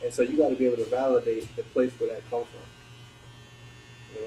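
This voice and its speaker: Mężczyzna spokojnie wyjaśnia w podcaście, nagranie z daleka, z lekkim szumem. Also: male voice, medium pitch, moderate pace. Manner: calm, explanatory. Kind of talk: casual group chat. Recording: echoey room, mic at a distance, faint noise.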